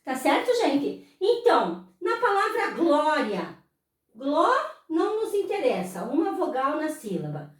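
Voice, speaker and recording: A high-voiced Brazilian woman teaching at an unhurried pace, stretching out words and repeating them. She asks questions and answers them herself. She is heard from well off the mic in a very echoey room. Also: huge pitch swings, far from the mic. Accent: Brazilian Portuguese. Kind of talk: slow explanatory lesson.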